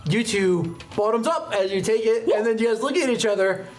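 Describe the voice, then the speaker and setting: A man with a fairly high voice and a slightly quick pace acts as game master, narrating an improvised tabletop game in a casual, theatrical style. Background music plays behind him throughout.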